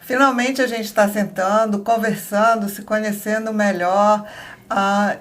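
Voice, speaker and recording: A woman's voice: mid-range voice, fairly even intonation, measured pace. A middle-aged woman from northern Brazil with a faint Pará accent, chatting as a guest in an interview and laughing often as she tells her story. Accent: faint Pará Brazilian Portuguese, softened by years abroad. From Belém do Pará, Brazil. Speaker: guest entrepreneur. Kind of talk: casual interview conversation.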